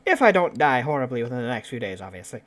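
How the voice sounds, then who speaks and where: A man playing his character in a tabletop game, joking with the table and breaking into laughter often. His pitch swings widely as he talks, from low mutters to sudden high exclamations. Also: big pitch swings, quick pace, a bit bright, slight background noise. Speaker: player.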